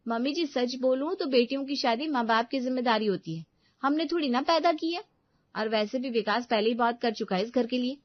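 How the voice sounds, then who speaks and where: A woman voicing a bossy, sharp-tongued young daughter-in-law who talks in a scornful, demanding way in a cartoon story. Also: fairly high pitch, a little fast, dull audio, pitched above the performer's own voice, close to an everyday voice. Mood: dismissive.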